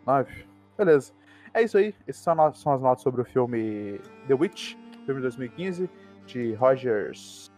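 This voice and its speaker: A man's voice: medium pitch, animated, moderate pace, a little mellow, faint music behind. A man co-hosting a casual film review show, easygoing as he introduces the films and moves each segment along. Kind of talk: casual chat.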